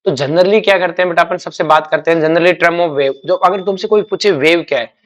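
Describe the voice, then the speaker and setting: A man teaching a chemistry class, explaining with homely examples and often asking students to repeat key words. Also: fairly high pitch. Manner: asks quick check questions and repeats key words; calls students "beta", uses homely examples. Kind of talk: classroom lecture.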